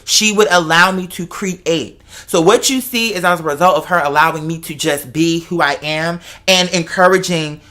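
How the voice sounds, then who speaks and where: The show's host, an artist who makes videos and music, talks casually and from the heart. His medium-pitched voice is bright and forceful, and he is emphatic, often repeating phrases for effect.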